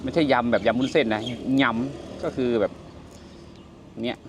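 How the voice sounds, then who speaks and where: Chatty and full of exclamations as he samples his cooking, an older man talks casually through his cooking vlog. He speaks at medium pitch and normal speed with fairly even intonation, over some background noise.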